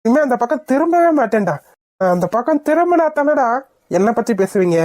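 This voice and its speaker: Teasing young men in a cartoon trade mocking jokes, all voiced by a woman. The tone is mellow and a little high. The sound is close and dry. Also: sing-song, brisk, no echo. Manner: bantering, mocking. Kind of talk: cartoon voice acting.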